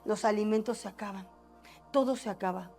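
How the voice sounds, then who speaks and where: A woman's voice: mid-range voice, brisk, a little mellow. A woman preacher telling a Bible story to her congregation in a sermon, often stopping to quiz them with questions. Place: church meeting hall. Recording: echoey hall, distant mic, music behind.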